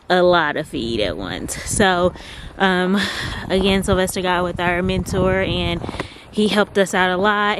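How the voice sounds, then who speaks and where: A woman's voice: medium pitch, background noise. Breathless chatty woman outdoors. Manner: chatty and rambling, with many filler words. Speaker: homesteader vlogger. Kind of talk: casual vlog chat. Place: outdoors on a farm in cold weather.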